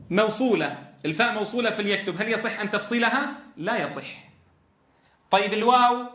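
A man's voice: high-pitched, fairly bright tone. Man teaching in an echoey room. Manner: quizzes the class with questions and answers them himself. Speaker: Quran recitation teacher. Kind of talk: tajweed rules lesson. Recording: roomy echo.

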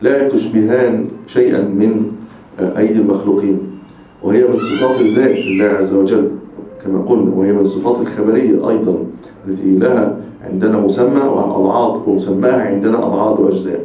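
Man, sheikh's religious lecture, emphatic and explanatory, low voice, far from the mic. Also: fairly even intonation, quick pace, mellow, a little hiss or hum. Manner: explanatory, emphatic, restating points. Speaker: sheikh teaching a religious text. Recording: echoey, distant, dull lecture recording.

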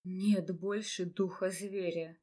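A woman voicing a sorrowful male teacher who speaks quietly, low and slowly. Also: flat delivery.

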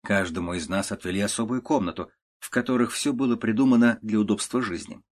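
A man narrating a classic prose story in a measured, even audiobook reading. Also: lowish voice.

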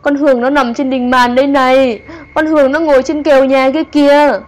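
A woman's voice: sits high, level tone, fairly quick, voice pushed up, natural voice. A woman voicing a wailing terrified old woman. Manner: wailing, pleading. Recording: dull lo-fi audio, voice set back from the mic.

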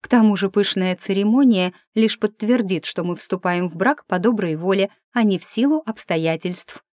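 A woman's voice: medium pitch, moderate pace, darkish tone, dry recording, studio quality. A woman narrating a first-person audiobook in a wry, ironic manner.

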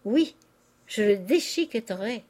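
A woman's voice: on the high side, normal speed, a little mellow, lightly acted. A woman reading aloud, voicing a grief-stricken old father who erupts in anguished rage. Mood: furious. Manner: anguished outbursts of rage and despair. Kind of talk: audiobook character reading.

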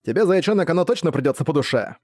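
A man's voice: a little high, animated, very fast, a little mellow, no room sound, pitched above the performer's own voice. Smug teasing villain guy, done by a man, dry close mic. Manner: smug, flirty, mocking. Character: cocky teasing male ex-villain.

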